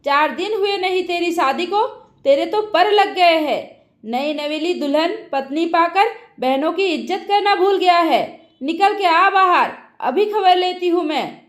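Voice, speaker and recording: A woman voicing an angry middle-aged mother who shouts and scolds her son, in a roomy echo. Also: very high voice, unhurried. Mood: furious.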